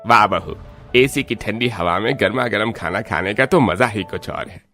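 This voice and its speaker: A man's voice: on the low side, moderate pace, bright, forceful tone, faint music behind. A mild older father-in-law. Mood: pleased.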